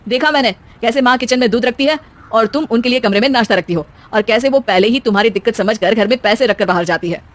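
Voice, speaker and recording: A woman's voice: a little high, fast, natural voice. A woman doing an exasperated young husband. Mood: lecturing. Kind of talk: cartoon voice acting.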